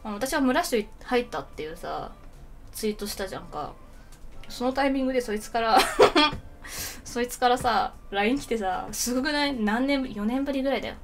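Young woman streamer chatting, tells a funny story all lively, voice a bit high. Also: fairly quick. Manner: animated storytelling, acts out quotes, laughs often. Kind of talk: casual chat.

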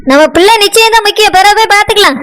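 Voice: very high voice, racing, pushed and bright, voice pushed down. A performer voicing a stubborn, dismissive village wife in a cartoon, with a Tirunelveli Tamil accent. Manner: curt, dismissive.

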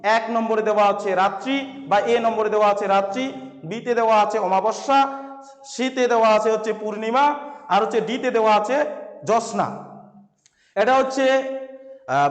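High-voiced male teacher in an echoey room. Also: lively intonation, brisk, long pauses. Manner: asks rhetorical questions and repeats answers. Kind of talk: exam revision lesson. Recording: echoey room with long reverb.

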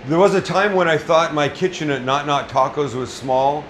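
Soft music plays in the background as a middle-aged chef hosts an informal cooking demo in a small restaurant kitchen. His voice is a little high and a bit bright, his pace moderate, and his humor blunt, with plenty of swearing.

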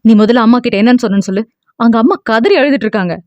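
Woman doing a firm elder brother, quick and scolding, audio novel, dry dull recording. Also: a little high, a little mellow, no echo, close to an everyday voice. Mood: angry. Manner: scolding then placating.

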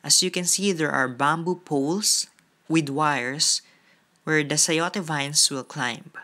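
A woman's voice: low voice, fairly bright tone. A woman hosting a gardening vlog, narrating outdoors on a farm lot in a friendly, explanatory way. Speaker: gardening vlogger.

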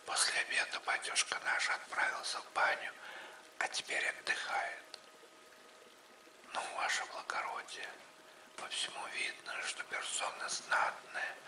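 An awestruck Cossack rebel gossips in a storybook, acted out by a male reader. It is whispered role-play, right in your ear. The whisper is very bright, in a roomy echo. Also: unhurried. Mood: awed, gossipy.

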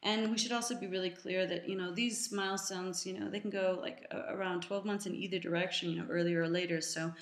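A woman's voice: lowish voice, fairly even intonation, fast talker, hardly any pauses, roomy sound. A middle-aged woman giving an educational talk to an audience, conversational with many fillers and asides. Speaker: lecturer.

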